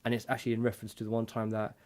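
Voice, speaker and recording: A man's voice: lowish voice, monotone, racing, darkish tone. A man co-hosting a casual chat over drinks, talking in an earnest, reflective way that rambles with restarts. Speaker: co-host.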